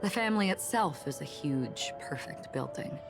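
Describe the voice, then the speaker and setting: A detached, forgetful young swordswoman in a game cutscene, her low voice soft and measured. A musical score plays under her lines. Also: expressive, creaky, over music. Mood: calm, detached. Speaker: game character voice.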